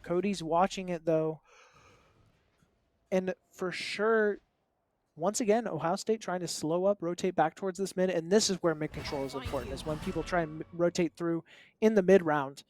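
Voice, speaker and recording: Young male esports caster, high-pitched, rapid play-by-play with jokes. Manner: fast excitable play-calling, joking asides. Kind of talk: play-by-play commentary.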